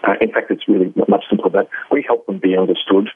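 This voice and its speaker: Guest: Australian man, low husky voice, halting delivery, tinny phone line. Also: sing-song, no echo. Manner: hesitant, many fillers and restarts. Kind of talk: casual interview talk.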